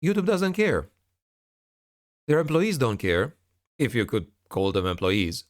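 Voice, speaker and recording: A man's voice: mid-range voice, sing-song, measured pace, no echo, clean studio sound. A man giving a candid spoken update to his viewers, talking in a frustrated, sardonic way as an online creator. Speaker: online narrator and content creator.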